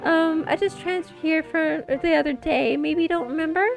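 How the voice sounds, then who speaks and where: A woman voicing an awkward, well-meaning teenage boy in a visual novel, in her own high voice, fumbling and apologetic. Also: normal speed, gravelly, soft background music.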